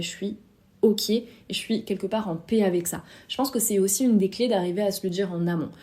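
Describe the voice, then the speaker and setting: Casual woman podcaster, mellow voice. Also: mid-range voice. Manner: casual, direct, speaks to listener as "tu"; self-deprecating asides. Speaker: podcast host. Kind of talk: solo podcast advice talk.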